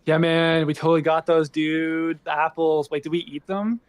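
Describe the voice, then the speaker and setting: A man's voice: a little high, flat delivery, normal speed, smooth. A man playing a tabletop game, chatting and joking in a slangy, rambling way. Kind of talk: casual joking role-play chat.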